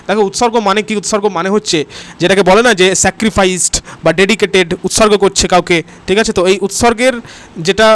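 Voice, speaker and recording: A man's voice: high voice, fairly bright tone. A man from West Bengal teaching grammar in an online exam-prep class, talking straight to his students and checking "okay?" after each answer. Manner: repeats "ঠিক আছে?" and "next question" as checks and cues; talks straight to the students, urging comments and likes.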